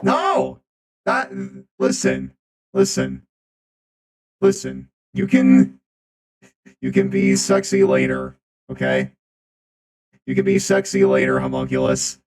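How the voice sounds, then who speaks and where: A male streamer whose voice runs through a booming, deep, metallic robot voice changer, rambling and repeating phrases in casual chat. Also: sing-song, slow pace, long pauses.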